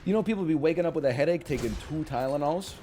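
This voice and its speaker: A man's voice: a little high, expressive, quick pace, dark tone, a little hiss or hum. A man in his thirties chatting casually on a live stream, telling rambling, self-mocking stories to his viewers.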